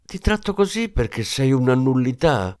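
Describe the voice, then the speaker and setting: Brief: male reader doing a contemptuous hard-boiled cop, cutting, pitched up. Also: sing-song, moderate pace, a little mellow, lightly acted. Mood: scornful. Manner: scornful, cutting.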